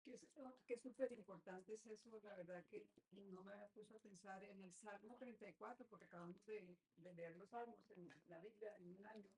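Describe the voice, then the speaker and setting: A woman's voice: mid-range voice, a little fast, hardly any pauses, darkish tone, rough recording. A woman taking part in a Bible study, sharing a personal reflection in an earnest, casual way. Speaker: course participant.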